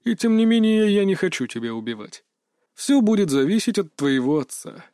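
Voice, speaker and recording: A man voicing a calm, mocking male kidnapper boss who talks with quiet menace. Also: high-pitched, moderate pace, no room sound, studio quality, voice pushed up. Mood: menacing.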